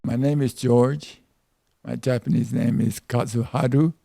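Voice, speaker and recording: An older man in his eighties from Peru speaks slowly and with care, his gravelly voice dark and heavy. The sound is dry and close, with no room around it. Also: medium pitch, steady tone, no echo. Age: 80s. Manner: slow, deliberate recollection with repeated words. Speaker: interviewee. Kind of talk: oral history interview.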